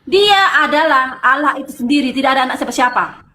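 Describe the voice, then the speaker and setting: Defiant high-voiced woman, echoey. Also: lively intonation, fast talker, bright, forceful tone. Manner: defiant, argumentative, talks over the other speaker. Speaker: church leader in debate. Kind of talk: heated online debate.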